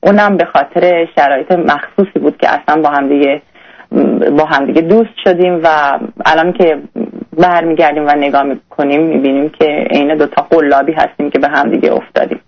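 A young woman calling in to a radio advice show, talking in a halting, hesitant way with many restarts. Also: low voice, fairly even intonation, lo-fi sound. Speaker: caller. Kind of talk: radio call-in conversation.

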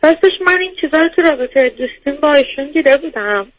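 A woman's voice: sits high, animated, dry recording. Hesitant woman calling in over a dull line. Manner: hesitant, stammering, explaining at length. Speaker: caller. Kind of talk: call-in counseling chat. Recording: dull lo-fi phone-line audio.

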